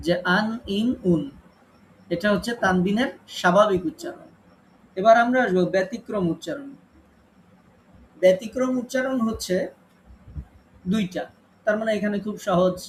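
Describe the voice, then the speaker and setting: A man's voice: sits high, slight background noise, poor audio. A man teaching an online Quran recitation class, patiently repeating each rule so it sticks. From Bangladesh. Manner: patient, repeats key rules.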